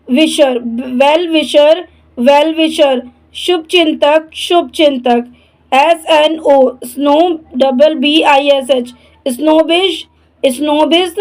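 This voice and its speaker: A woman teaches English words in a spelling-and-repeat drill. She spells each letter, says the word twice, then gives its translation. Her voice sits high and the pace is very slow. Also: darkish tone, rough recording.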